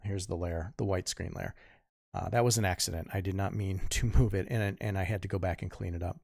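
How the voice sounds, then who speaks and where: Casting: man in his 50s, deep gravelly voice, dry close sound, rambling artist talking through his drawing. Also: steady tone, brisk, darkish tone, dry recording. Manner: rambling, self-correcting, mutters to himself. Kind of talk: casual tutorial chat while drawing.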